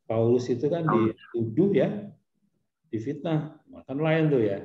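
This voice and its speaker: A man, a priest, explaining things in an easygoing, teacherly way during a relaxed talk. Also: medium pitch, measured pace, roomy sound, muffled recording.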